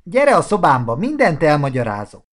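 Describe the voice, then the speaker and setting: A shy young vampire boy, voiced by a male narrator talks hesitantly, as if apologizing. His voice sits a little higher than the reader's own and moves in a lively sing-song, a storybook voice. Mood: awkward. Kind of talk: storybook character voice.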